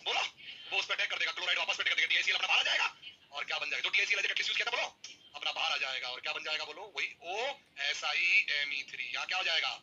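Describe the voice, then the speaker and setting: An energetic male teacher lectures on chemistry at a rapid clip, always pushing his students to answer back. His voice sits high and sounds very bright and cutting, with a faint hiss of noise behind it. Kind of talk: classroom lecture.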